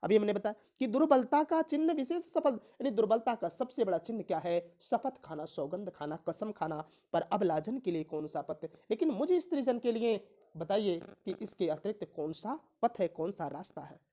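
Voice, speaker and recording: A woman's voice: medium pitch, animated, dark tone. Hindi teacher woman reciting and explaining verse. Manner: recites verse slowly with rising emphasis, then explains in plain terms; asks rhetorical questions and answers them herself. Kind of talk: exam-prep Hindi lesson, reading and explaining verses.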